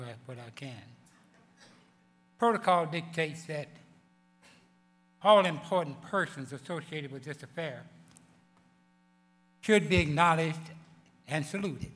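An old man speaks in a growling, hoarse voice, pitched a little high for a man. He delivers a formal speech haltingly and deliberately into a podium microphone, his words reverberating through a large hall. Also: a bit bright. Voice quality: growling, hoarse voice from vocal cord paralysis. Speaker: award recipient giving acceptance speech. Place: large banquet hall stage. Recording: echoey banquet hall PA, electrical hum.

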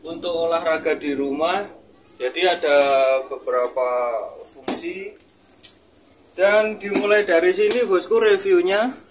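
Here a young seller demos a product casually for viewers, informally calling them boss as he reviews it. His voice is high, steady and unhurried, captured on a noisy home video with clicks.

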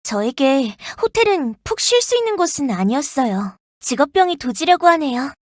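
A voice actress playing a young, earnest and protective firefighter in a game, polite and gentle, snapping into crisp radio-style reports. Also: female voice, high-pitched, sing-song, moderate pace, dry recording, clean studio sound. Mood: calm, gentle. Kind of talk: game character voice lines. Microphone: dry studio mic.

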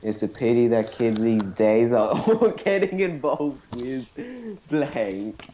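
A man's voice: mid-range voice, big pitch swings, slow pace, warm tone, slight background noise, poor audio. A man playing an online card game with friends, making sarcastic, mocking remarks and jokes. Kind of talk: casual online game chat.

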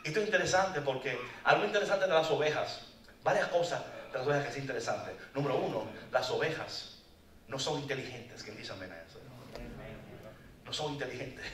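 A man preaching a lively, joking sermon at a men's conference, often calling out to the audience. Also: medium pitch, brisk, a little hiss or hum. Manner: animated, joking, calls out to the audience. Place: conference hall. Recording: echoey hall, mic far off.

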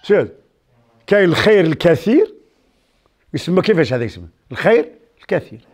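Moroccan preacher, man, fairly high gravelly voice, animated storyteller who fires questions at the crowd. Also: fast. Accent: Moroccan Arabic. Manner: animated storyteller who quizzes his listeners. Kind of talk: lively sermon mixing dialect and classical Arabic.

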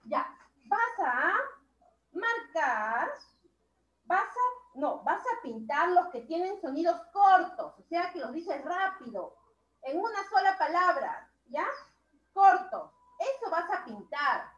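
Woman teacher, high voice, slow and drawn-out, heaps praise on small kids, roomy lo-fi call audio. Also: sing-song. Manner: slow, drawn-out words, warmly praising children. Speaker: primary school teacher. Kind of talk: online class instruction.

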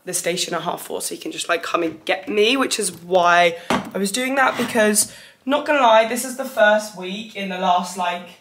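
A woman's voice: medium pitch, moderate pace, a bit bright, slight background noise. A woman, chatting casually to camera as a vlogger, filling her talk with "like" and "literally". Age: 20s. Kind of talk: casual vlog chat to camera. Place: home and car on a rainy day.

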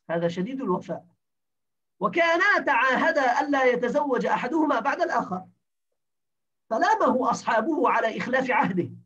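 A man's voice: very high voice, fairly bright tone, breathy edge. A man teaching a grammar class, explaining step by step and quizzing his students with questions. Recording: distant dull lo-fi recording.

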